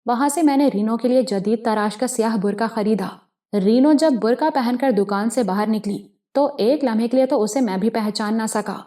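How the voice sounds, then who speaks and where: A woman narrates a suspense novel aloud in a measured, steady way. Her voice sits somewhat high with a mellow, warm tone. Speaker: audiobook narrator. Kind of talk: novel reading.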